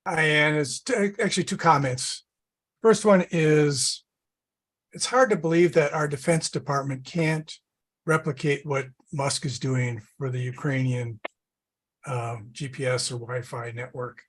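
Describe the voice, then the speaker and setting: A male caller makes blunt, skeptical comments to a talk show. His voice is a touch higher than most men's and has a husky grain. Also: fairly even intonation, measured pace. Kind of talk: call-in comment.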